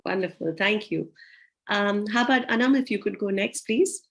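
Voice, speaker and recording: A woman's voice: mid-range voice, normal speed, a bit bright. A woman hosting a virtual talk show, welcoming guests and inviting questions, with frequent fillers, over a video call.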